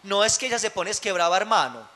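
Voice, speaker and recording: A man's voice: animated, fast. A preacher putting on a meek, pleading father. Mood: sheepish. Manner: soft, low and plaintive. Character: meek pleading father, middle-aged man.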